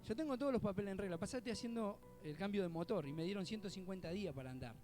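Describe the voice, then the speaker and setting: A middle-aged man from Argentina with an Argentine accent, preaching a sermon in a conversational way. He asks "¿sí?" often, calls listeners "hermano", and swells loud when he quotes scripture. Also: high voice, expressive, rapid-fire, music in the background. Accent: Argentine Spanish (Buenos Aires area). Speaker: co-pastor. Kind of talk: sermon with personal anecdotes.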